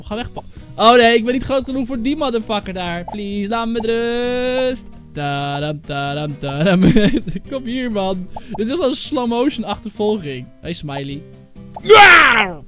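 High, lively young man gaming. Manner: excitable, yelps and cheers, mixes English swearing into Dutch. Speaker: gaming YouTuber. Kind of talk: let's-play commentary.

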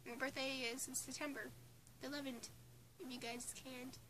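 The voice is high-pitched and fairly bright but flat in delivery, at a moderate pace. It belongs to an eighteen-year-old Newfoundland woman, with a Newfoundland English accent, who rambles with restarts and giggles in a casual opinion vlog recorded indoors under a bunk bed in her small bedroom. A close phone or webcam picks her up in a low-quality recording with slight background noise.

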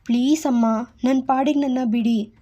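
A woman voicing a heartbroken young woman who shouts through sobs in a storybook reading. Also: sits high, steady tone, normal speed, faint music behind. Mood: tearful.

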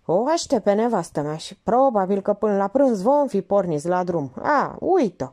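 A woman's voice: mid-range voice, sing-song, warm tone. A woman reading the part of a worried, resigned middle-aged male architect in an audiobook. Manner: earnest, a little fatalistic.

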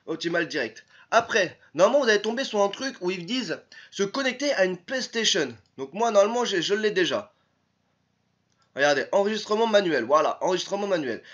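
Animated and a little fast, this young French-accented YouTuber has a high, fairly bright voice with the highs cut off. Chatty and rambling through a casual screen-recorded tutorial, he keeps repeating "les potos," restarts frequently, and drops in "hop."

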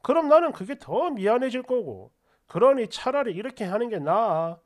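A woman's voice: on the high side, sing-song, normal speed, a little mellow. A woman voicing a considerate but stubborn husband in a narrated story, arguing back insistently. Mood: defensive.

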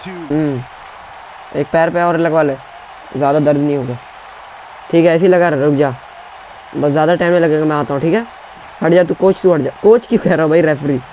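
A young man giving excited gameplay commentary, taunting his opponents and barking commands as he plays. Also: on the high side, brisk, long pauses, some chatter behind, slight background noise, low-quality recording. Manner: trash-talking, taunting opponents, shouting commands. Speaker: gaming YouTuber.

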